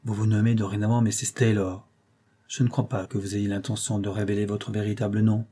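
A man reading an audiobook, voicing a calm, stern young gentleman who speaks in a quiet, measured way. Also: on the low side, lightly acted.

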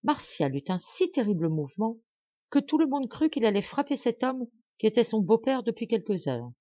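A woman's voice: fairly high pitch, very animated, moderate pace, mellow, no echo, highs cut off. Woman reading a novel aloud. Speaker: audiobook reader. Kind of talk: scripted narration.

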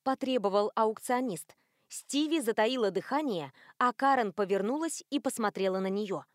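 A woman reading an audiobook as narrator in an even, clear storytelling manner. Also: a little high, normal speed, no echo, studio quality. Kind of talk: scripted narration.

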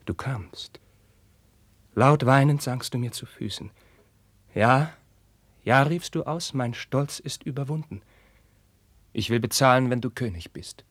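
An actor playing a young prince torn by forbidden love, declaiming classical verse with passion and dropping into hushed whispers. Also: male voice, low-pitched, fairly even intonation, moderate pace, long pauses, husky, dry recording. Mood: impassioned. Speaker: actor in a radio play. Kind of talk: classical verse radio drama.

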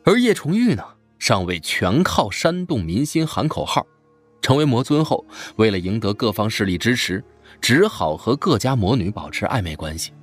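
A man narrating a fantasy web novel in an expressive storytelling style. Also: on the low side, normal speed, faint music behind. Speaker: audiobook narrator.

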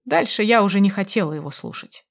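A woman narrates a first-person novel as an audiobook reader. Her delivery is subdued and even. Her voice sits at a middling pitch. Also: quick pace, vocal fry.

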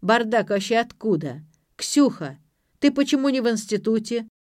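A bossy, drunk middle-aged father, as a woman reader puts him on, shouts in loud, blustering bursts. The audiobook reading is close and dry. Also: fairly low pitch, lively intonation, slow pace, no room sound. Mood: yelling.

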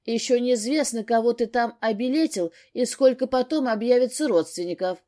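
A woman's voice: on the high side, normal speed, dark tone, voice pushed up, natural voice. A woman voicing a hurt young wife who speaks strained and near tears in an audiobook. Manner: strained, exclaiming.

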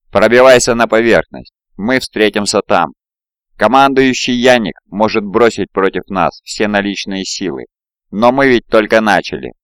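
A man's voice: on the low side, clear, resonant tone, dry recording, studio quality, close to an everyday voice. Man reading a cold commanding war lord. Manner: cold, measured orders. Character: cold commanding male warrior lord, calm and strategic.

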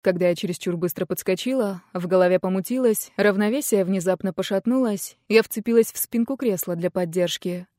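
Mellow-voiced woman narrating an audiobook. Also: medium pitch, brisk, few pauses, dry recording, clean studio sound. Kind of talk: first-person audiobook narration.

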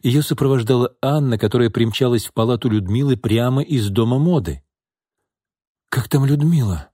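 A man reading a story as an audiobook narrator, in a steady storytelling manner. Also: mid-range voice, fairly quick, dry recording, studio quality.

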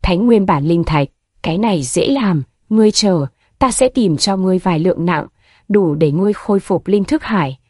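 A woman's voice: on the low side, expressive, moderate pace, a little mellow, husky, dry recording, clean studio sound. A woman reading a whiny, blustering male Taoist.

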